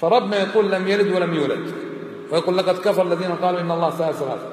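A man's voice: sits high, fairly even intonation, racing, darkish tone. A man giving a religious lesson, pressing his listeners with insistent rhetorical questions. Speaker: religious teacher. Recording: echoey hall, faint background noise.

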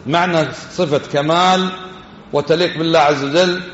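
A man giving a religious lesson, talking quickly and conversationally and putting questions to his listeners. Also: fairly high pitch, steady tone, fairly bright tone, slight background noise. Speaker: religious teacher. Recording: dull, echoey hall.

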